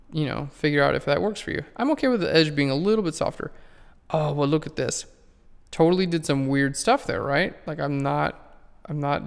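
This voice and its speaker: A man's voice: fairly high pitch, vocal fry, clean tone, big-room sound. A man walking through a photo-editing tutorial in a casual, rambling way that keeps correcting itself. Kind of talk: screen-recorded software tutorial.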